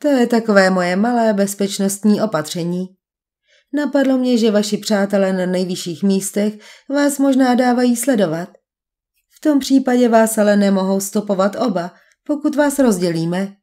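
A woman's voice: mid-range voice, warm tone, close to an everyday voice. A woman voicing a suave male villain posing as a duke, speaking with polite, mocking menace in an audiobook. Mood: cool, taunting. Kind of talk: audiobook character voice.

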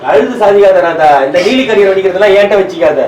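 A man's voice: high-pitched, fast, reverberant, loud music behind the voice, poor audio. A man needling his wife in a domestic prank skit, teasing and argumentative. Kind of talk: bickering couple prank. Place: home kitchen.

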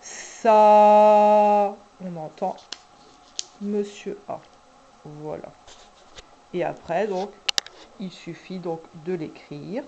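Slow, patient woman teacher. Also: on the low side, lo-fi sound, noisy background. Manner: slow, stretched-out syllables, patient explaining. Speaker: kindergarten teacher. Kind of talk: instructional video for parents.

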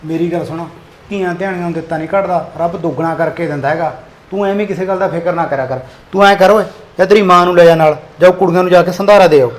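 A man's voice: high-pitched, fairly even intonation, rapid-fire, hardly any pauses, natural voice. A man playing a farmer father who nags his lazy son to get up and work in a family drama. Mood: scolding. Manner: scolding, chiding. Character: farmer father, nagging, easygoing.

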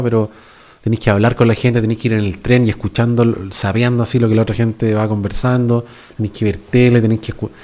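A man's voice: mid-range voice, a little mellow. A man in his forties with a Chilean accent, chatting casually at home into a podcast mic, full of slang and swearing. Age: 40s. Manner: slangy, swearing often, keeps tagging a question to the listener. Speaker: podcast host. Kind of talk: casual chat. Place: at home, indoors. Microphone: podcast microphone.

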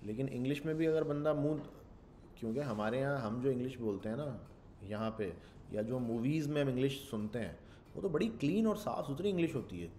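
A man's voice: mid-range voice, lively intonation, a little fast, warm tone, a little hiss or hum. Rambling man thinking aloud while coding. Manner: rambling, thinks aloud, mixes English terms into Urdu. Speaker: programming instructor. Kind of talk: casual screen-share coding lecture.

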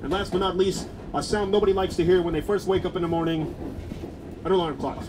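A man performing for passengers in a moving subway car, pitching his act like a showman. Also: quick pace. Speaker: street beatbox performer. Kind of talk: busking show patter. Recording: loud subway train noise.

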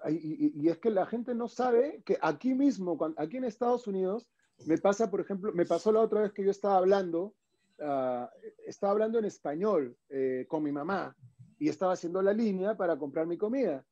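Man, Peruvian Spanish accent, high voice, mellow tone, lo-fi sound, animated storyteller. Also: a little fast. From Peru. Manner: animated storyteller, acts out quoted dialogue. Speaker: guest. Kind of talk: casual interview chat.

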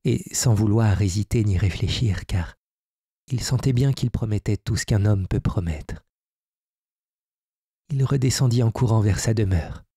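A man reading a classic French tale aloud as audiobook narrator, in a measured literary manner. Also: on the low side, warm tone, breathy edge, no echo, studio quality. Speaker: audiobook reader. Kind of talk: scripted narration.

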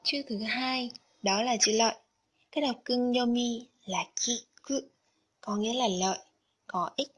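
A woman teaching a Japanese lesson in a slow, unhurried, scripted narration. Her voice sits a little high and has a soft, breathy edge. She explains each word and kanji carefully, one by one.

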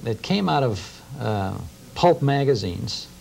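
A middle-aged American radio historian, appearing as an interview guest in a small TV studio, explains things enthusiastically in conversation. His mid-range voice swings widely in pitch, moves slowly, and carries vocal fry with a slightly mellow quality. He is recorded on a lapel mic.

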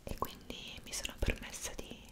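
Mrs Claus whispering softly, voiced by a young woman. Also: normal speed, natural voice. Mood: caring. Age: young adult. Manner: soft, close whispering, coaxing questions. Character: kind, caring Mrs Claus, motherly and gently teasing. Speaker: ASMR creator. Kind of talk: ASMR roleplay. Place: indoor room decorated for Christmas.

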